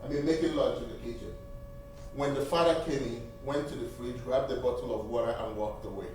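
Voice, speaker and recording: In a church sanctuary, a seminary graduate from Nigeria, an Igbo speaker with a Nigerian accent, delivers an earnest testimony and appeal, stressing points by repeating key phrases. He talks a little fast at medium pitch, his tone steady and a little mellow. Slight background noise accompanies the distant, roomy recording.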